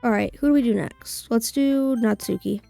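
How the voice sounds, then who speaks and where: A woman's voice: fairly high pitch, moderate pace, gravelly, mellow, soft background music. A woman streaming a game playthrough, casually commenting as she reads, with blunt, sweary, sarcastic asides.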